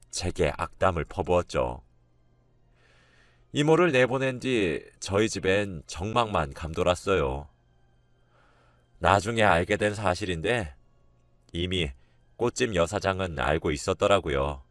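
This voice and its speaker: A man with a fairly low voice narrates a first-person story in a steady, confessional way. His pitch moves a lot through each phrase. The recording is dry and close. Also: no room sound.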